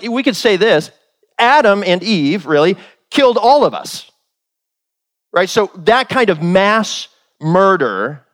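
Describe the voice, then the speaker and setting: A man preaching a sermon in a conversational manner, full of rhetorical questions and acted-out voices. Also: fairly high pitch.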